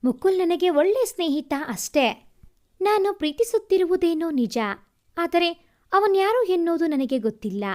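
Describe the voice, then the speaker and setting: A woman's voice: extremely high pitch, expressive, normal speed, darkish tone. A woman voicing a frank young woman who speaks firmly and directly. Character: young woman, firm and frank about her feelings.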